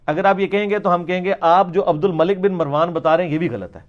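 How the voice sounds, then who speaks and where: A man's voice: high-pitched, steady tone, muffled recording. A man giving an emphatic question-and-answer lecture, repeating words to demonstrate how they are pronounced. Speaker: religious lecturer.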